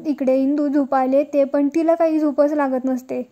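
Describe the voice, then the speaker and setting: A woman narrating a recap of a TV serial episode, retelling the scenes in a steady storytelling manner. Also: high-pitched, normal speed, dull audio.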